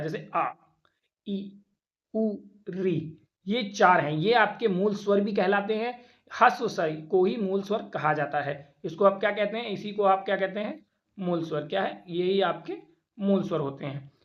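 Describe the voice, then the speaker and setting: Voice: medium pitch, lo-fi sound. A teacher giving an exam-prep lecture, who keeps asking rhetorical questions, answers them, and stretches out vowel sounds to demonstrate them. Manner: drawn-out, repeated vowel demonstrations.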